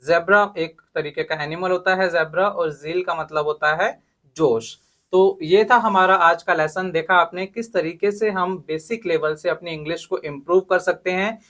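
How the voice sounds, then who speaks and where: A man's voice: high-pitched, fairly bright tone. A man teaching English letter sounds as a patient lesson, who asks questions and answers them himself.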